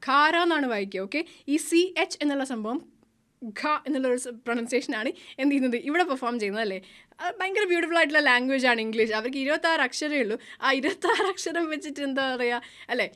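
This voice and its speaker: Brisk, high-voiced woman biology teacher. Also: a bit bright. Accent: Malayali. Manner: keeps asking questions and answering them herself; mixes English terms into her speech. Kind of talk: online class lecture.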